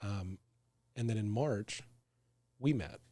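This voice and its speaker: A man's voice: on the low side, slow pace, no room sound. A man co-hosting a casual podcast chat, talking frankly and often ending with "right?". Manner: frank, animated, tag questions "right?". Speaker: co-host.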